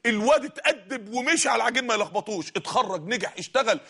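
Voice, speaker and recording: A man preaching a fervent sermon in an Egyptian Arabic accent, exhorting his listeners and sometimes shouting. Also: extremely high pitch, expressive, rapid-fire, breathy edge. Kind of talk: impassioned sermon.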